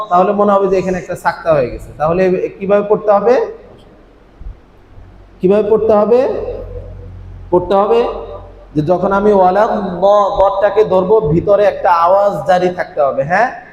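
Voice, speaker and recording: Guy teaching quran recitation, drags sounds out slow, dull roomy echo, bit of hiss. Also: high-pitched, darkish tone. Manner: slow drawn-out demonstrations, frequent affirming interjections. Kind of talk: tajweed pronunciation lesson. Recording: dull echoey hall with faint noise.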